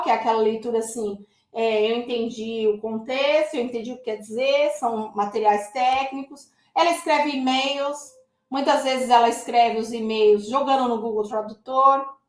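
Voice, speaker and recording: Teacher, woman, high voice, chatty and direct with viewers, echoey room. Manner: lively, addresses viewers as "gente". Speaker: English teacher. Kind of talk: casual online English lesson.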